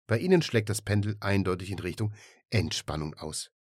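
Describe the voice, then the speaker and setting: A man playing a brisk woman travel agent. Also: lowish voice, darkish tone, husky, no echo, clean studio sound. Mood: businesslike. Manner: polite, businesslike, slightly patronizing. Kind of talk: audiobook reading.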